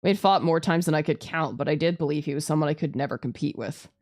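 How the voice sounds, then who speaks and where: Talking fast in a low-pitched, a little mellow voice, a woman streams a game and reads the visual novel's story text aloud. She mixes in casual, sweary comments as background music plays in this let's play.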